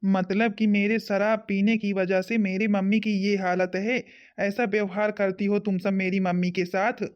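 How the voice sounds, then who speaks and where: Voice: mid-range voice, level tone, moderate pace, lightly acted. A performer voicing a young husband in a cartoon, a drinker who turns remorseful, speaking earnestly. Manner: pleading, earnest. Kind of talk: Hindi cartoon voice acting. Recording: dull lo-fi sound.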